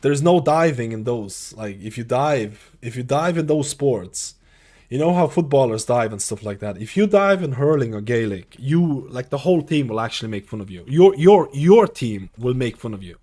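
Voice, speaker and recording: In his home streaming room, an animated Lithuanian man in his thirties chats with viewers at a moderate pace in a dark, mid-range voice. The live-stream talk is casual and rambling, with repetition and many fillers.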